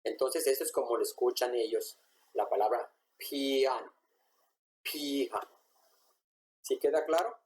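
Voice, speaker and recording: A man, teaching a language class at a whiteboard. He is patient and says each example word slowly, more than once. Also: medium pitch, a little mellow, a little hiss or hum, rough recording.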